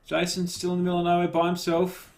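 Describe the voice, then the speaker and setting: A man giving relaxed, casual live commentary on a cycling race and cheering riders on by name. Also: high voice, quick pace, gravelly.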